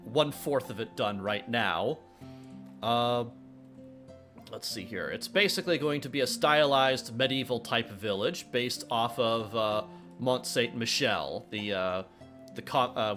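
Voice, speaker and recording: A man's voice: mid-range voice, fairly bright tone. A young man with an ordinary mid-range voice chats his way through a game dev livestream. He rambles, trips over his words with lots of uhs, and cracks corny jokes between answering chat. Faint music plays behind him at his streaming desk. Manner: rambling, full of filler sounds and restarts; jokey, reads chat questions aloud and answers them. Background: faint background music.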